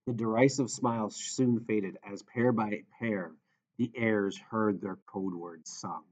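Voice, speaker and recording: Low-voiced man narrating an audiobook. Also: steady tone, slow, darkish tone. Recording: dull lo-fi audio.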